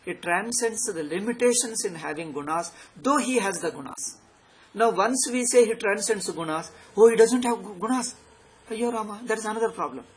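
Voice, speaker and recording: A man's voice: sits high, animated, moderate pace, slight background noise. A man with a South Indian accent giving an extempore philosophy lecture as a spiritual teacher, speaking emphatically and repeating phrases to drive points home.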